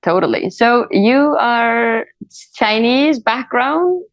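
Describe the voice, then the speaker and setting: A woman's voice: a little high, expressive, slow pace, no room sound. A woman hosting a podcast interview, friendly and encouraging, with frequent agreeing sounds. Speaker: podcast host. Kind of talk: casual interview chat.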